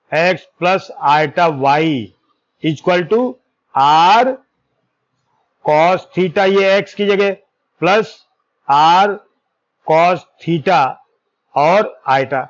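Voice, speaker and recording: Slow-paced maths teacher, lo-fi. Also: male voice, a little high. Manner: slow, deliberate explaining, stretching out formula terms, checks in with "ठीक है"; corrects himself aloud mid-formula. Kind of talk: whiteboard lesson.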